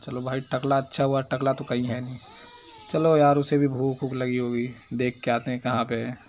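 A young man giving casual, excitable gameplay commentary, chatting in slang and scolding the game's baby character. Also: mid-range voice, normal speed, a little hiss or hum. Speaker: gaming YouTuber.

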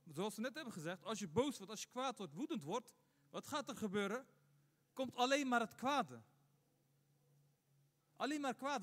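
High-voiced man preaching in reverberant mosque. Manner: rhetorical questions, emphatic repetition. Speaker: imam. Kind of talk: Friday sermon. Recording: long hall reverb.

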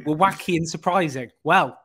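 Animated, joking man. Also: fairly high pitch, breathy edge. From northern England. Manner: animated, joking, quick asides. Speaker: host. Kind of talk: video-call political interview. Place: small room indoors. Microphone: studio mic on a boom arm.

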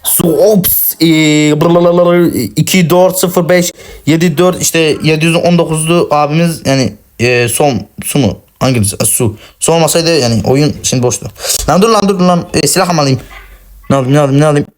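A man giving excitable, cursing, self-mocking commentary while playing a shooter game on his phone. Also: a little high, a little fast. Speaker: gaming channel host. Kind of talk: casual gameplay commentary.

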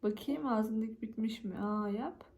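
Mellow, high-voiced mother talking to a baby. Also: moderate pace. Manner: talking to a baby in short, coaxing, repeated phrases. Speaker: mother feeding her toddler. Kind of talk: casual talk to a baby at mealtime.

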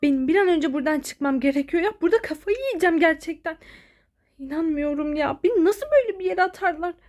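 A woman's voice: extremely high pitch, animated, quick pace, a little mellow. A woman doing an exasperated locked-up teen girl. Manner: protesting, exasperated, pleading. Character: indignant teenage girl locked in asylum.

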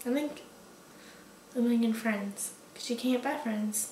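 A woman's voice: fairly high pitch, unhurried, warm tone. A young adult woman answering questions in a casual chat. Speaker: vlog guest answering questions. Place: small room at home, indoors. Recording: distant, roomy, faint background noise.

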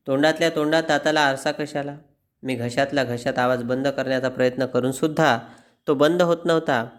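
A man giving an expressive, wry reading of a humorous essay, like a teacher reading a lesson text aloud. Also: on the high side. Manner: wry, self-mocking storytelling.

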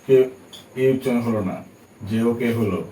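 A man's voice: mid-range voice, moderate pace, mellow. A Bengali-speaking man teaching English pronunciation, patiently spelling out letters and often checking that his students follow. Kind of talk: spoken English pronunciation lesson. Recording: echoey room, distant from mic, faint background hiss.

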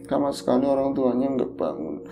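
A man, a podcast host casually retelling a horror story in a vivid, animated way. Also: medium pitch, a little fast, gravelly, soft background music.

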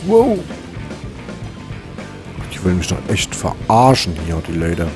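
A man casually commenting on his gameplay, excitable and mocking, with frequent swearing. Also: low voice, a little fast. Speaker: let's play host. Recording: game music behind voice.

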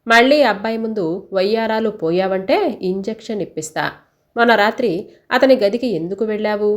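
A woman's voice: mid-range voice, fairly quick, lightly acted. A woman reading a story aloud and voicing a domineering, suspicious older mother-in-law who scolds harshly. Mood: angry.

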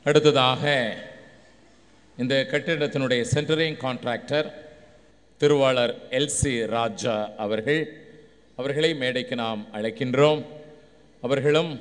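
A man's voice: mid-range voice, clean tone. Formal male announcer, echoing hall. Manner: measured, formal announcing of names one by one. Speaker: master of ceremonies. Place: large church hall on a public address system. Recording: long hall reverb.

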